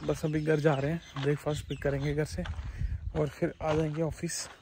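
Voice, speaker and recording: Man, 30s, chatty factory-owner vlogger, slightly high voice, noisy handheld recording. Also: flat delivery, moderate pace, mellow. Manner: chatty, explaining things on the go. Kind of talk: casual vlog. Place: small tile factory and car.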